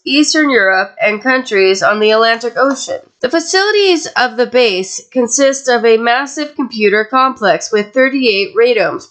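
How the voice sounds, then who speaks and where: A woman with a slightly high voice, gone raspy for the night. She co-hosts a podcast and reads her research aloud at a steady, matter-of-fact clip. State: raspy voice tonight. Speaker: podcast co-host. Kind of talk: reading researched notes.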